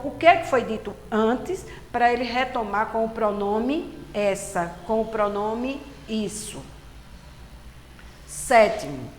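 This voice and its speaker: Brazilian woman teacher, slightly high voice, slow patient explaining; echoey room with long reverb. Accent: Brazilian Portuguese. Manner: slow, patient explaining, repeats key terms. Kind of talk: recorded remote lesson. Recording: roomy echo with faint background hiss.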